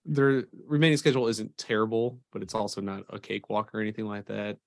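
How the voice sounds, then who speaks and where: Low-voiced man hyping football on a podcast. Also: flat delivery, fast talker, gravelly, dry recording, studio quality. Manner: enthusiastic, rambling fan talk. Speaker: podcast co-host. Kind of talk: casual sports chat.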